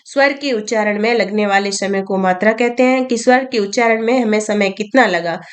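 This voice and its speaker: A woman teaching a grammar lesson to students, explaining slowly and repeating key terms as she asks and answers her own questions. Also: mid-range voice.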